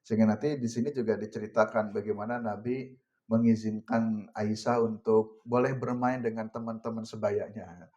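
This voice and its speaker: A man's voice: fairly low pitch, steady tone, normal speed, a little mellow. Chatty man preaching. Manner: chatty, addresses audience directly, laughs often, mixes Javanese words. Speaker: religious teacher. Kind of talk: informal religious lecture. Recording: muffled lo-fi recording.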